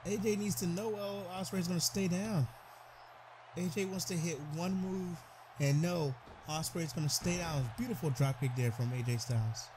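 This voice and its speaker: Excitable high-voiced male game commentator. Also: moderate pace, background noise. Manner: excitable, stumbles over words, talks to the wrestlers. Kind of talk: play-by-play commentary over a video game.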